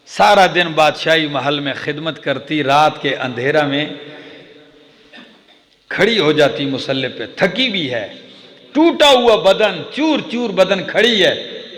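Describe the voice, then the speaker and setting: A man's voice: on the high side, fairly bright tone. A man from Pakistan delivering a sermon as an Islamic preacher, in a melodic, chanting style with emphatic repeated lists. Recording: echoey hall with long reverb.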